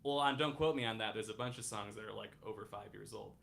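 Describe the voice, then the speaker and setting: A man in his thirties, a musician guest talking casually, often halting and restarting. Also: lowish voice, gravelly, fairly bright tone. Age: 30s. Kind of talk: casual chat.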